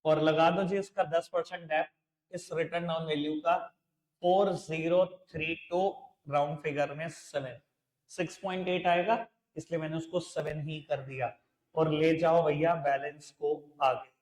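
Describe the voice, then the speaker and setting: A man's voice: fairly high pitch, steady tone, unhurried, a little mellow. A man teaching accounts in a live classroom lecture, chatty and familiar with his students, mixing in English terms. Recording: echoey classroom.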